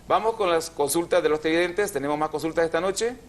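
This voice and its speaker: Hosting a TV language program, a man explains spelling and accent rules to viewers in a measured, didactic style. His voice is a bit high for a man, and he slows down to spell words syllable by syllable.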